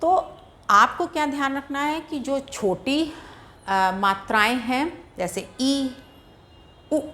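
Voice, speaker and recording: A woman teaching grammar in a patient, deliberate way, sounding out syllables one by one. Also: fairly high pitch, a bit bright. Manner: patient, repeats syllables slowly and drawn out for pronunciation. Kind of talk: slow, deliberate classroom explanation.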